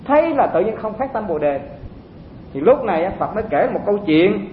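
A high-voiced man gives a chatty dharma talk to a hall of monks and stops to ask them questions. The recording is roomy and echoing. It sounds thin, as over a phone line, with a faint rumble underneath. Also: very animated, a little fast. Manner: conversational, asks listeners rhetorical questions. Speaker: Buddhist teacher addressing monks.

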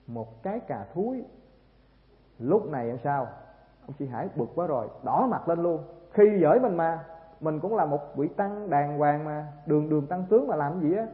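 A Southern Vietnamese man gives a Buddhist sermon in a fairly high, lively voice that rises and falls as he tells the story. He keeps pulling the listeners in with rhetorical questions. The sound is thin and phone-like, with a long echo from a large hall. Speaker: Buddhist preacher. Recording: tinny, echoey hall recording.

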